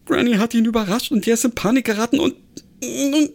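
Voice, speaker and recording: A man's voice: very high voice, fairly quick, vocal fry, a little mellow, pitched above the performer's own voice. A man voicing a nervous young man who stammers and pleads that he is innocent. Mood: panicky.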